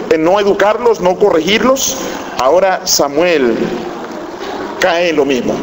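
A male pastor preaching a sermon, reading scripture aloud with earnest rising emphasis. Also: sits high. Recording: echoey hall with steady background noise.

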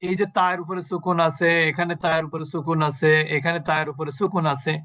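Bright-voiced man teaching an online class. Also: fairly high pitch, steady tone, fast. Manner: explains step by step, asks the class questions then answers them himself. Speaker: Quran recitation teacher. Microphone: video call.

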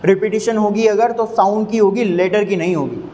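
A man's voice: high-pitched, dark tone, slight background noise, poor audio. A man teaching English literary terms with a Hindi accent, repeating points and drawing out example sounds. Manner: repetitive, emphatic, drills sounds slowly. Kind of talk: explaining a literary term to students.

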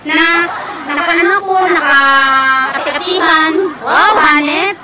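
A woman ranting sarcastically at someone, taunting and mocking, sometimes shouting. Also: very high voice, animated, normal speed. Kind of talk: mocking rant. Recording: clip over loud music and crowd noise.

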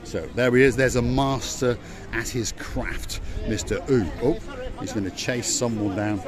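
A man's voice: mid-range voice, fairly even intonation, unhurried. A middle-aged man co-hosting a vlog, giving jokey, showman-like walking-tour commentary on an outdoor harbour promenade at night, recorded on a phone held at arm's length. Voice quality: chatty, teasing, showman-like. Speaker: vlog co-host and tour guide. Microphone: phone camera at arm's length. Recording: busy crowd chatter around.

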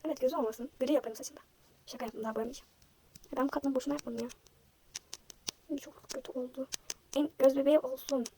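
Fast-chatting young woman, slightly hoarse. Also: sits high, fairly even intonation, background noise. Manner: chatty, self-deprecating, thinking aloud. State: slightly hoarse, sore throat. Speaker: vlogger. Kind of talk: casual chat while drawing.

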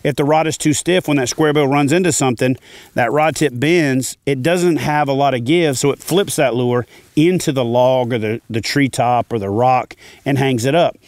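A man's voice: mid-range voice, normal speed, darkish tone, no room sound. A middle-aged man teaching fishing gear to camera from a kayak on a lake, confident and plain-spoken. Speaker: fishing channel host. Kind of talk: instructional talk to camera. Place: outdoors, seated in a kayak on a lake.

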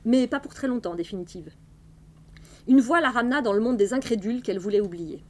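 A woman hosting a library live stream, reading a novel aloud in a clear, measured way. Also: on the high side. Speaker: library host.

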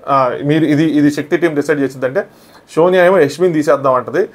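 In an offhand recap of a reality TV episode, a man with a higher-pitched voice hurries through what happened, briefly acting out the lines he quotes.

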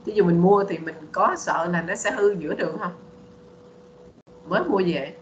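Patient woman tutor, low voice, roomy muffled call line. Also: moderate pace, slight background noise. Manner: patient, repeats words for drilling. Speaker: English teacher. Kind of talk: online bilingual English lesson.

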